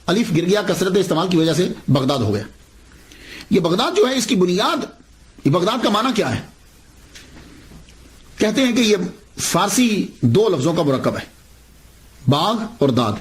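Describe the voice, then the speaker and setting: A man preaches a saint's story with animated delivery, posing rhetorical questions and acting out the dialogue. His voice sits a little on the higher side. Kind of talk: religious storytelling sermon.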